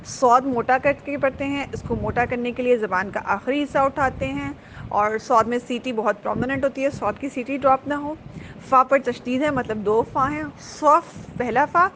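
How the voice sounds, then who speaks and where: Brief: fairly high-voiced woman, patient recitation teacher, faint hiss behind. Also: a bit bright. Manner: patient, repeats sounds slowly, drawls recited words. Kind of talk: tajweed lesson, explaining letter sounds.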